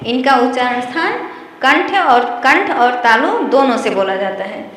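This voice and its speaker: A woman gives a slow online grammar lesson, repeating each point and stopping to check that her students follow. Her voice sits high and comes from some distance off the mic. A long, hollow room echo rings around her words over a faint background hiss. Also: lively intonation, fairly bright tone. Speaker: Sanskrit teacher. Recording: echoey room, voice from far off.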